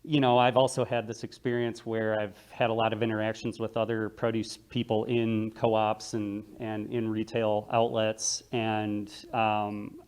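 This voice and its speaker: An American man speaking through a face mask, explaining his work on a panel in a halting, measured way. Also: on the low side, flat delivery, a little mellow, smooth. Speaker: produce manager, panelist.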